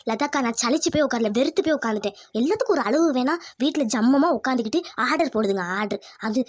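A woman's voice: high-pitched, lively intonation, fast talker. Woman playing a fed-up young village wife. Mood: exasperated. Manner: complaining, exasperated.

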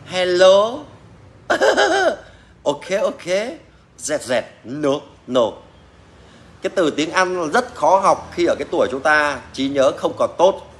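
A man's voice: fairly high pitch, a bit bright, slight background noise. A middle-aged man, a mechanic ranting bluntly to fellow mechanics, mocking and swearing as he talks. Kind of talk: casual rant to fellow mechanics.

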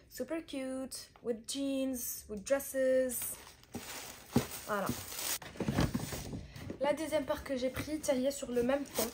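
A woman's voice: fairly high pitch, background noise. A young woman chatting casually through a shopping haul vlog and mixing languages as she talks. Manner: chatty, switching between languages mid-sentence. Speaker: vlogger.

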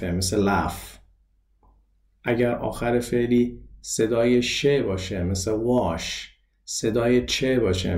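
A man teaching from a textbook, who reads English example phrases slowly and then explains and translates them. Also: medium pitch, warm tone. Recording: echoey room.

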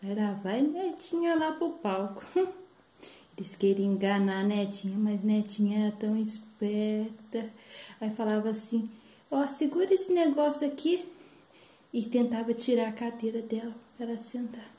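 A woman's voice: medium pitch, steady tone, normal speed, dark tone. An older woman, a grandmother, telling a playful, chatty children's story with frequent laughs. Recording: roomy echo.

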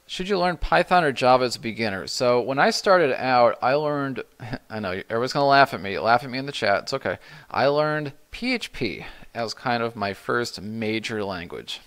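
A middle-aged man hosting a live stream, answering viewer questions in a relaxed, rambling way with many restarts. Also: medium pitch, normal speed. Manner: relaxed, rambling, frequent restarts and "you know". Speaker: livestream host answering chat questions.

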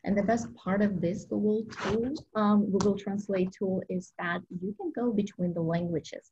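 Presenting an educational webinar on a video call, this woman, whose first language is Russian, keeps an upbeat, explanatory tone and says um a lot. She has a husky, dark mid-range voice, and the audio has its highs cut off.

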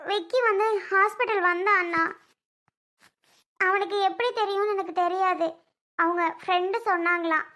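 A woman's voice: extremely high pitch, pushed and bright, exaggerated voice. A woman voicing a tearful young wife and new mother who pleads to be trusted, in a home-made audio drama.

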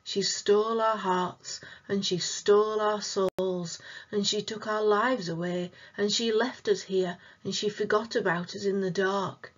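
A woman's voice: mid-range voice, fairly even intonation, unhurried, muffled recording, natural voice. A woman voicing a faint, sad ghost child from long ago who talks hesitantly and wistfully in old-fashioned words.

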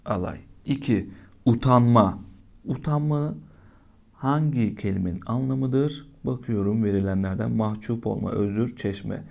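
A man's voice: lowish voice, unhurried, gravelly, darkish tone. A man teaching a primary school lesson, patiently asking young children questions and answering them himself.

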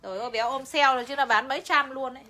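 A woman's voice: high-pitched, steady tone, racing, pushed and bright. A woman selling clothes on a livestream, chatty and talking straight to her viewers. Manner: chatty, addresses viewers directly, laughs often. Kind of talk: live sales pitch.

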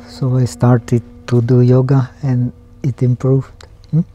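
An older man from the Czech Republic with a Czech accent, a Buddhist monk speaking calmly in a reflective interview and ending his thoughts with a questioning "huh?" or "hmm?". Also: mid-range voice, takes it slowly. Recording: slightly dull sound with flute music behind.

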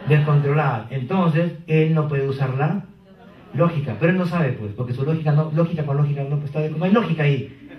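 A Peruvian-accented man leads a seminar, putting questions to the audience. His voice sits fairly high and reaches the mic from a distance. The hall is roomy and the sound is dull. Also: brisk. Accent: Peruvian Spanish. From Peru. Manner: animated, quizzing the audience. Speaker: sales trainer. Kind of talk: live motivational seminar talk.

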